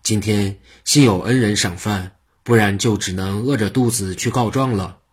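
A storyteller voicing a distressed young scholar in a sorrowful, pleading manner. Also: male voice, lowish voice, normal speed, husky.

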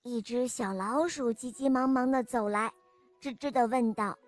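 A woman narrating a children's story with a lively, expressive reading. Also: on the high side, normal speed, faint music behind.

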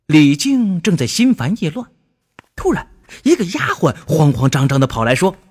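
A man narrating a scripted children's story in an expressive way, drawing out his exclamations. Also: fairly high pitch, moderate pace, breathy edge.

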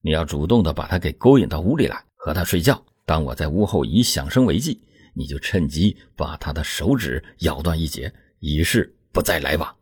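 A man's voice: a bass voice, lively intonation, normal speed, breathy edge, dry recording, studio quality, pitched below the performer's own voice, heavily acted. A man voicing a harsh, controlling husband giving cold orders. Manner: harsh, commanding.

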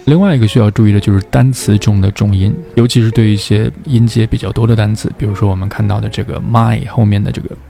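Man, pronunciation teacher, dark mellow voice, gravelly, patient step-by-step explanation. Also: lowish voice, steady tone, soft background music. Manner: patient, explains step by step and demonstrates English words slowly. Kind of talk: explanatory lesson.

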